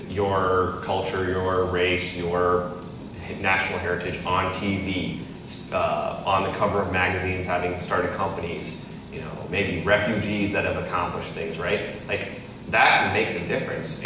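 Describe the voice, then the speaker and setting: Seated low, an entrepreneur and investor in his thirties chats through a casual onstage interview in an event hall with an audience, often restarting and adding "right?". The audio is noisy and echoey, with him far from the microphone.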